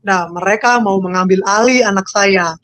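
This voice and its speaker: A woman giving an emotional personal testimony as an interview guest, repeating her phrases and swinging widely in pitch. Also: normal speed, fairly bright tone, no echo.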